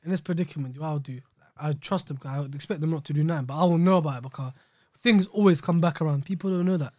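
A man's voice: on the high side, fast, darkish tone, dry recording, studio quality. A young man with a London roadman accent and street slang, bantering casually as a podcast co-host. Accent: London, urban roadman slang. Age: young adult.

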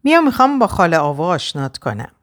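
A woman voicing a soft-spoken young mother. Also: lowish voice, sing-song. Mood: affectionate. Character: young mother, warm but troubled.

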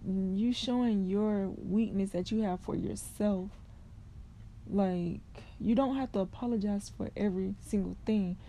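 Young woman ranting casually, mellow tone. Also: mid-range voice, slight background noise. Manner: conversational, candid, drawn-out filler phrases. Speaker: podcast host. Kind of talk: casual solo rant.

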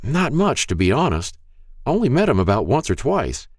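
A man voicing a frail, kindly old male shopkeeper who turns out to be a ghost, talking in a gentle, folksy way. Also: mid-range voice, wildly swooping pitch, normal speed, no echo, studio quality, pitched above the performer's own voice.

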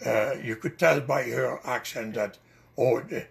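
An older man with a Dutch accent and a deeply gravelly, creaky voice recounts his memories. He rambles and pauses often between words as an interviewee. His pitch sits in an ordinary middle range. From Netherlands. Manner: rambling storyteller with many hesitations. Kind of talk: oral history interview.

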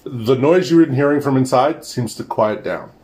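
A man's voice: medium pitch, moderate pace, a little mellow. A man casually narrating a tabletop game as its game master.

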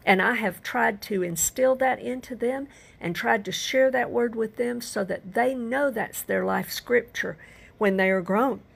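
Older female preacher, gravelly voice, earnest scripture teaching with rhetorical questions. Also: fairly high pitch, a little slow. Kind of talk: Bible teaching sermon.

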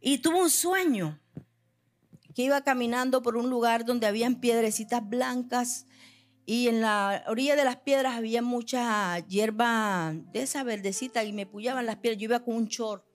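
Woman, middle-aged, preacher, sermon, emphatic, higher-pitched voice, personal testimony. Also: normal speed. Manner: emphatic, addresses listeners directly with questions; tells a personal story, acting out her own prayers.

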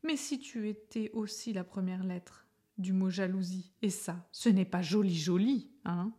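A woman's voice: mid-range voice, a little slow, warm tone, lightly acted. A woman voicing a smug, teasing letter O in a storybook.

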